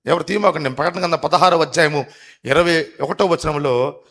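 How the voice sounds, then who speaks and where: A man preaching a live sermon to a congregation, questioning the crowd, urging loud replies and rising to emphatic, drawn-out peaks. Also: a little high. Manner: rises to emphatic, drawn-out climaxes. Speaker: pastor. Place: church service before a congregation.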